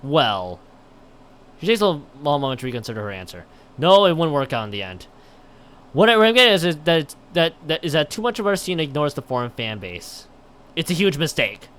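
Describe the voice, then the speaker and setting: Reading a visual novel aloud on a livestream, this man chats between lines and often trips over them and starts again. His voice sits on the high side, with a sing-song lilt, a fairly bright tone, and a slightly quick pace.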